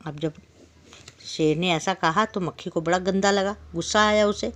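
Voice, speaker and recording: A woman teacher with a fairly low voice, reading a story to young pupils and then retelling each line in her own words. She keeps stopping to explain words and to ask the class questions. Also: moderate pace, fairly bright tone. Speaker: school teacher. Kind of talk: storytelling lesson for young children.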